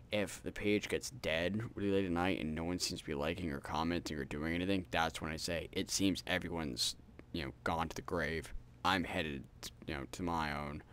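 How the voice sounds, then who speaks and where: Man, gaming host, extremely low voice, gravelly fry, tired, rambling, casual, swears a lot. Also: fairly bright tone, a little hiss or hum. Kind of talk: rambling outro chat to viewers.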